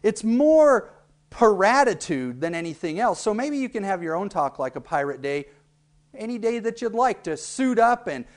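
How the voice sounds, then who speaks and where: A man's voice: high voice, sing-song, moderate pace. A man hosting a local cable TV segment, explaining things in a playful, joking way. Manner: jokey, playfully exaggerated delivery. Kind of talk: humorous explainer monologue.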